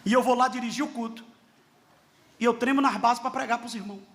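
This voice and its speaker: Man, pastor, brazilian portuguese accent, preaching sermon, bright sharp tone, storytelling with shouts. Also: very high-pitched, fairly quick. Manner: animated, shouting at peaks, storytelling with dialogue.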